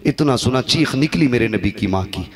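A man preaching a sermon who acts out the story voices, dropping to hushed lows and rising to shouted peaks. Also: animated, moderate pace. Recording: live crowd behind the voice. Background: crowd responding.

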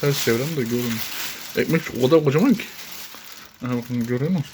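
A man's voice: mid-range voice, quick pace, noisy background. A man vlogging casually from a village house kitchen, chatty and teasing, often breaking into laughs. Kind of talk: casual home vlog chat.

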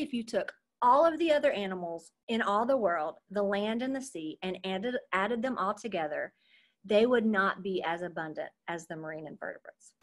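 A young adult woman teaching an online marine science lesson to children over a video call, in an upbeat, chatty teacher voice that keeps checking in with "okay?". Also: mid-range voice. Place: at home.

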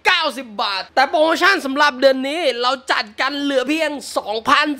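A man's voice: very high-pitched, brisk, bright, forceful tone. A man delivering a scripted promotional voice-over as a product seller.

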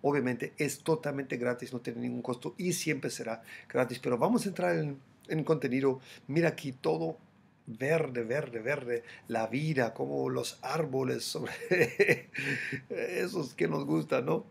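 A gravelly, slightly husky man in his forties speaks with a German accent, addressing the viewer directly as he runs through daily market commentary. He gestures a lot and keeps a lively, chatty manner. His webcam audio carries the feel of a small hotel room. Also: mid-range voice, measured pace. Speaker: crypto YouTuber.

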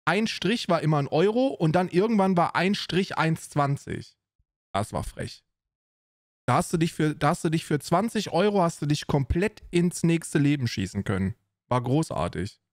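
A man's voice: a little high, expressive, normal speed, no room sound. Slangy ranting streamer man, dry close mic. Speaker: streamer reacting to a video. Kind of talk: casual reaction commentary.

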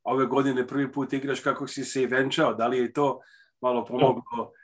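A man asks a reporter's question at a press conference, stringing clause after clause together. His delivery stays fairly flat and even throughout. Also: medium pitch, brisk. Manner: long, rambling, enthusiastic questions.

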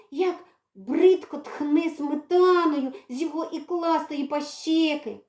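High-voiced woman, expressive storybook reader, echoey library room. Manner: expressive, dramatic reading. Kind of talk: storybook narration.

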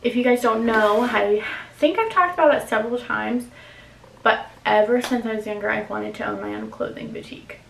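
A woman's voice: a little high, normal speed, creaky, echoey room, slight background noise, low-quality recording. A woman in her twenties talks candidly to the camera in a casual vlog, filling her speech with "like" and "um". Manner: candid, confessional, filler-heavy. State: emotional, near tears. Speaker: vlogger.

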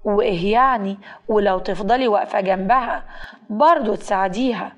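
A woman's voice: medium pitch, brisk, dull audio, lightly acted. A woman in Egyptian Arabic voicing a contemptuous, scolding mother-in-law in a storybook tale. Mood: scornful. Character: scornful older mother-in-law.

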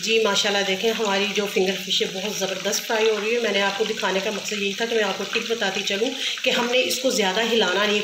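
A woman's voice: mid-range voice, heavy background noise. A woman hosting a cooking tutorial from her home kitchen, explaining each step patiently and often adding blessings. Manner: patient instructive, frequent blessings and self-corrections. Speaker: cooking channel host. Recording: echoey kitchen.

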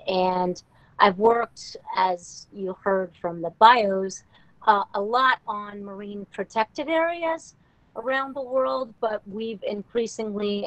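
A woman from Denmark, a marine ecologist on a panel, talking fluently in quick animated bursts on a video call. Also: mid-range voice, no room sound, rough recording.

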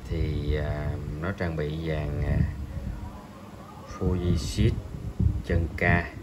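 A man reviewing a fishing rod in a hesitant voice-over, pausing often and filling gaps. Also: extremely low pitch, steady tone, heavy background noise. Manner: slow, hesitant, many pauses and fillers.

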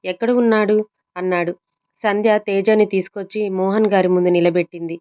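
A woman's voice: on the low side, fairly even intonation, fairly quick, clear, resonant tone. A woman storyteller reading a love story aloud and voicing every character herself in a plain voice. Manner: reads all the parts herself in a plain voice. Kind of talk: scripted narration of a love story. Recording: dull lo-fi recording.

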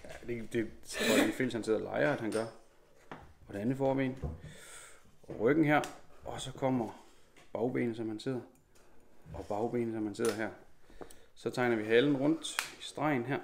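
Gravelly father teaching drawing. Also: medium pitch, pauses often, noisy background. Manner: talks while drawing, narrating each stroke. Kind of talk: live online drawing lesson. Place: home.

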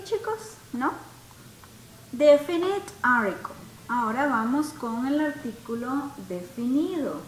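High-pitched lady teacher going slow, keeps asking if everyone gets it, echoey room. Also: fairly bright tone, a little hiss or hum. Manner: patient, checks understanding often; slowly models and repeats words. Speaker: English teacher. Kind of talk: classroom grammar lesson.

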